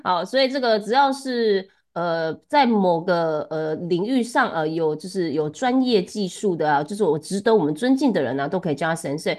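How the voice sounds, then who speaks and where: A woman's voice: on the low side, expressive, moderate pace, hardly any pauses, darkish tone. A woman giving a one-on-one Japanese lesson, chatty and laughing often as she coaches pronunciation. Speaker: Japanese tutor.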